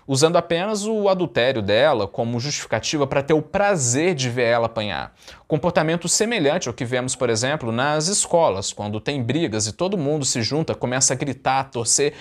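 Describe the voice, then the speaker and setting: Emphatic male storyteller, slightly high voice. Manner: dramatic, emphatic retelling. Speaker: channel host. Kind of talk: storytelling commentary.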